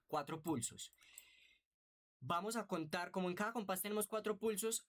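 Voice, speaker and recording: A man gives a beginner's online music lesson in a voice pitched a little above the usual for men. He explains step by step and keeps checking in with short rhetorical questions. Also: fairly bright tone. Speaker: music teacher.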